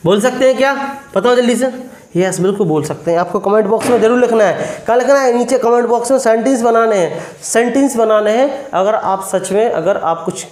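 Streaming a live vocabulary class from his phone, a man with a high, slightly mellow voice quizzes his viewers repeatedly and spells each word out slowly. The room is echoey, with slight background noise.

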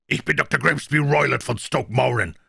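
A male reader voicing a huge, brutish older country doctor who shouts insults and threats in a raised voice. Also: low voice, moderate pace, vocal fry, husky, dry recording, studio quality, full character voice. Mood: furious. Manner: shouting, insolent and menacing.

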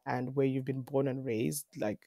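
A woman's voice: extremely low pitch, moderate pace, gravelly, no room sound, clean studio sound. A young woman from Africa, chatting as a podcast guest, rambling with many fillers and restarts. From South Africa. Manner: rambling, many fillers and restarts, animated when quoting others. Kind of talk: casual interview chat.

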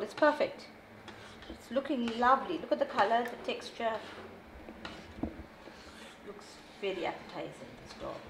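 With a high voice and a South African Indian English accent, a middle-aged woman hosts a relaxed cooking demonstration indoors at home. She talks chattily and reassuringly as she cooks. The kitchen audio is echoey, with frying in the background.

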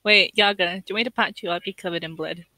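A man's voice: sits high, fairly even intonation, quick pace, bright, forceful tone, no echo, rough recording. A man chatting in character while roleplaying a game, joking with other players.

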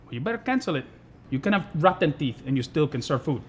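A man's voice: on the high side, big pitch swings, fast, reverberant, slight background noise. A man playing a bossy teasing restaurant manager.

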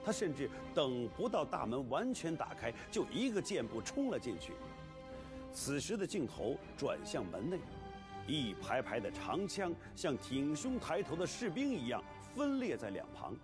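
A man hosts a studio documentary as a theatrical storyteller. His fairly high voice rises and falls very freely, with emphatic phrasing. Light music plays underneath. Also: sing-song, normal speed. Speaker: TV documentary presenter. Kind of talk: dramatic storytelling to camera, scripted. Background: background music.

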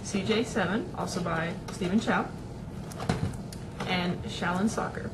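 A young woman chats loosely into a desk webcam from a small room at home, drifting between thoughts with plenty of fillers and restarts. Her voice sits slightly low for a woman. A clear hiss runs under the recording. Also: measured pace. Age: young adult. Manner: rambling, chatty, many fillers and restarts. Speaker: vlogger. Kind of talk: casual webcam chat.

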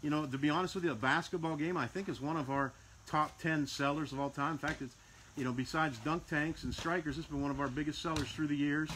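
A man's voice: on the high side, steady tone, fast, a bit bright. Chatty salesman over background noise. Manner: chatty, repeats prices, restarts phrases; walking around showing products. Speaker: salesman for a game rental company. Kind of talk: casual sales walkthrough.

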